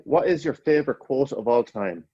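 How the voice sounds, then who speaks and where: A man co-hosting a casual podcast, firing off quick questions and cracking jokes with frequent laughs. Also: medium pitch, lively intonation, warm tone, slightly rough, dry recording, lo-fi sound. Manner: jokey, laughs often. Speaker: podcast co-host.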